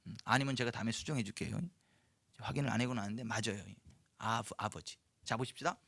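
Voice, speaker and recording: A man preaching a sermon at a church night service, telling the story lively and asking the congregation questions. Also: medium pitch, fast talker, gravelly, no echo. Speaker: pastor.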